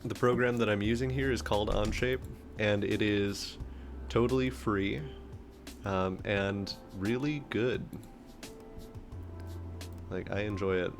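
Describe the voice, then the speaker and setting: A man with a fairly low voice talks in an unhurried, easygoing way as he streams live, thinking aloud and dropping ums as he works. Music plays clearly in the background. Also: steady tone. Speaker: streamer and engineering teacher. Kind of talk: casual live stream chat while modeling in CAD.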